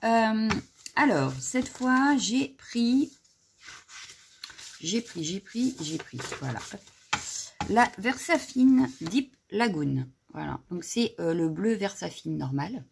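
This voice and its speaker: A woman's voice: medium pitch, animated, slow pace, creaky, slight background noise. A middle-aged woman showing her craft purchases in a casual haul, chatting with many fillers and a slight frog in her throat. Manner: chatty, lots of "voilà" and fillers. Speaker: crafting vlogger.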